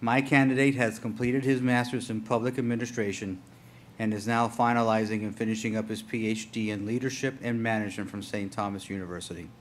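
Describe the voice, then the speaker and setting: Lower-voiced man giving formal remarks, room mic. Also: steady tone, brisk. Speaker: city manager. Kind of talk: prepared formal speech. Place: indoor public meeting room. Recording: meeting room mic with clear background noise.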